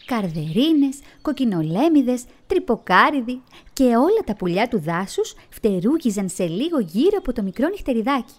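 A woman storyteller narrating a children's fairy tale in an expressive, melodic way. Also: fairly high pitch. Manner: expressive, melodic reading with vivid emphasis.

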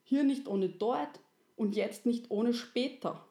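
A woman's voice: fairly high pitch, takes it slowly, warm tone. A woman voicing a kindly, wise creator woman, soothing and folksy. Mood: gentle. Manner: soothing, folksy, fond of dialect fillers. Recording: roomy echo.

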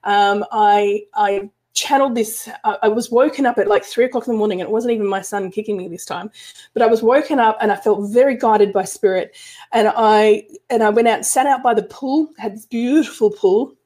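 A woman spiritual business coach addresses her online group in a casual live stream, speaking fairly quickly in a medium-pitched voice with a darkish tone. She is chatty, with many restarts and fillers.

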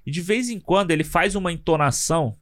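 A man's voice: fairly high pitch, lively intonation, fast, fairly bright tone, no echo, studio quality. A man chatting casually about films in an emphatic, slangy way, often checking in with his listener. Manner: emphatic, slangy, keeps asking "sabe?". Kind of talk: casual film discussion.

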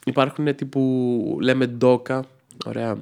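A man's voice: medium pitch, little pitch movement, vocal fry, mellow, smooth. Comedian guy from trikala, thessaly accent, rambly casual chat, lots of fillers. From Greece, Trikala. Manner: rambling, many fillers and restarts. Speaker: stand-up comedian, podcast guest.

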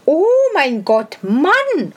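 A shrill, excitable hedgehog wife from a fairy-tale storybook, squeaking high with alarm and scolding her husband, as a woman reading the tale puts her on. Her voice shoots very high. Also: very slow, full character voice. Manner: shrill and agitated.

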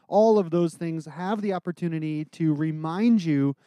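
Male podcast co-host and pastor, nasal tone, smooth and mellow, dry close sound. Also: moderate pace, dry recording. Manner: animated, swings his pitch up and down. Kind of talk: casual podcast chat.

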